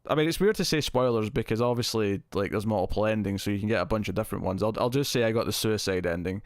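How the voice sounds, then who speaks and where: A man with a fairly low voice hosts a casual live stream. He rambles easily as he answers viewers and thinks aloud. The sound is close and very dry, heavily compressed so that his level stays constant. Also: fast talker, no echo. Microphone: close streaming mic with compressor.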